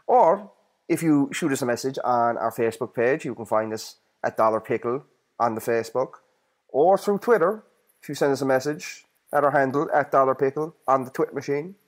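A man with a North Kerry Irish accent hosting a music podcast, talking casually with irreverent, sweary slang. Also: medium pitch. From North Kerry, Ireland. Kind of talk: casual solo podcast talk.

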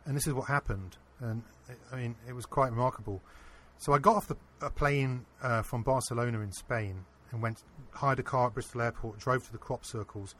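Husky-voiced man telling a story. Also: medium pitch, a little fast, few pauses. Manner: earnest, animated anecdote-telling. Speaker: interview guest. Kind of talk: casual storytelling.

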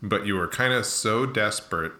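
A man's voice: lowish voice, normal speed, bright, forceful tone. A man in casual conversation who tells stories and asks questions. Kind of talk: casual chat.

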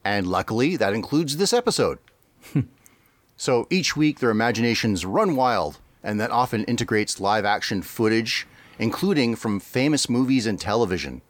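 A podcast co-host with a lowish voice chats casually and rambles, laughing often and frequently restarting his sentences. There's no echo on the recording.

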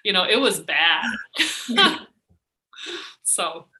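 A woman's voice: fairly low pitch, animated, very slow, bright, forceful tone. A woman from Minnesota hosting a podcast, chatting casually and laughing easily. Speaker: podcast host. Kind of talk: casual interview and outro.

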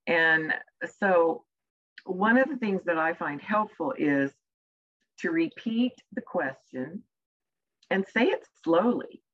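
A soft-voiced executive communication coach, a woman, answers interview questions in a measured way, pausing deliberately. Her voice is lowish, and the highs in the recording are cut off.

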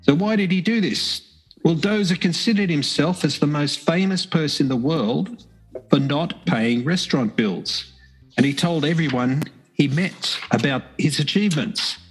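A man's voice: fairly high pitch, normal speed, husky, faint music behind, poor audio. A man hosting a podcast, reading a scripted story in a slightly wry manner. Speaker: podcast host.

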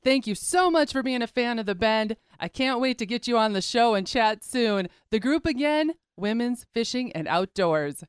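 Smooth-voiced woman radio host. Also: fairly high pitch, animated, normal speed, few pauses, no room sound, studio quality. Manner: chatty, enthusiastic, direct address to listeners. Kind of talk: upbeat radio show hosting.

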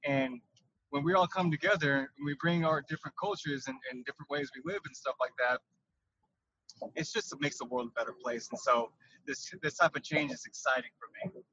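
A man calls in from inside his truck, and his voice comes through with a windy, tunnel-like rush. His tone is husky yet bright, and the recording is muffled and lo-fi. He speaks haltingly and circles back over his words. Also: on the high side. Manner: halting, repeats words while thinking. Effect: windy, tunnel-like truck-cab sound. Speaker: podcast guest. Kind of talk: casual interview over a call.

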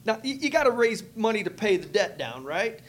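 A man co-hosting a faith podcast, telling a story in casual chat, animated and acting out what people said, with many restarts. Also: sits high, fairly quick. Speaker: podcast co-host, church multiplication leader.

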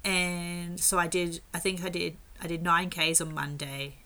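An Australian woman co-hosting a casual chat podcast, nasal and stuffed up from a cold, relaxed and agreeable. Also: fairly low pitch, a little slow. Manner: relaxed, agreeable, backchannels a lot. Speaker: podcast co-host.

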